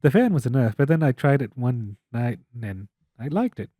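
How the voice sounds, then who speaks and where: A man's voice: medium pitch, sing-song, normal speed, warm tone, dry recording, clean studio sound. A man co-hosting a casual podcast chat in a living room, rambling with many fillers and restarts. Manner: rambling, lots of fillers and restarts, laughs often. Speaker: podcast co-host.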